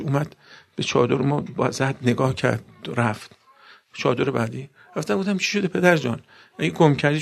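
A man's voice: a little high, gravelly. A man preaching a sermon to a gathering, mixing recited Arabic verses into plain talk and often putting questions to his listeners.

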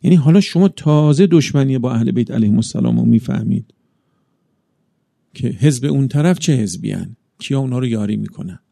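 Gravelly preacher delivering an emphatic sermon. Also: male voice, mid-range voice, expressive, mellow, no room sound. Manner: measured, builds up in emphatic bursts. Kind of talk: religious sermon.

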